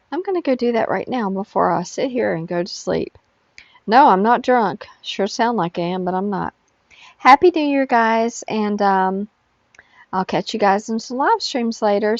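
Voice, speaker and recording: A middle-aged woman vlogger chatting casually to her viewers, tired and rambling slowly with lots of fillers. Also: medium pitch, no room sound. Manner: slow, drowsy rambling with frequent fillers. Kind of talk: casual chat to camera. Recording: dull, lo-fi sound.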